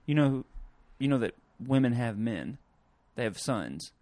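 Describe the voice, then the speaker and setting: A man co-hosting a podcast in casual chat, talking in a relaxed way with many fillers and pauses. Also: medium pitch, dry recording. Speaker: podcast co-host.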